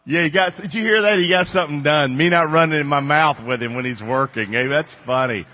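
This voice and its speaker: Speaking a little high and a little fast, a fifties-aged North Carolina pastor with a Southern American accent chats folksily with his congregation during a casual sermon. The recording, made in the church sanctuary, is dull and carries long reverb.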